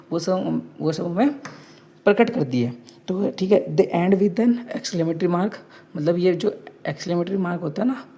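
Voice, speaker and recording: Woman teacher for a kids' online class, husky and mellow, explains everything twice and reads examples slowly. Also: low-pitched. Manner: explains each point twice, saying "okay" again and again; talks to the class as children.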